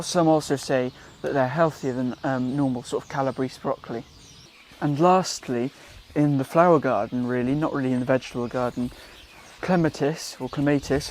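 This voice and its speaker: A man's voice: medium pitch, a little fast, slight background noise. Welsh-raised man chatting casually in a garden. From Wales. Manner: relaxed, chatty, with frequent ums and self-corrections. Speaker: gardening vlogger. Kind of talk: casual how-to vlog. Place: outdoors in a garden.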